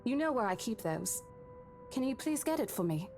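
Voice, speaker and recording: A woman voicing a brisk, courteous female estate agent in a story. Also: a little high, very animated, darkish tone, faint music behind, pitched above the performer's own voice.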